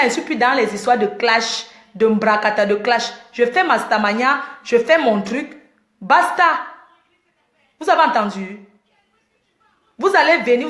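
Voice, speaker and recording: Defiant high-voiced woman. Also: a bit bright. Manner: defiant, boastful, repeats taunting questions. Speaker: social media personality. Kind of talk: livestream rant to followers. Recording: roomy echo.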